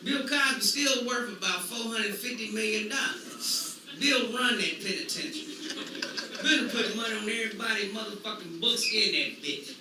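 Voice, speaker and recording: A man's voice: high voice, moderate pace. A male stand-up comedian on stage, with a brash, profane, punchy delivery. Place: live comedy venue stage. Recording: echoey hall, distant mic, loud noise.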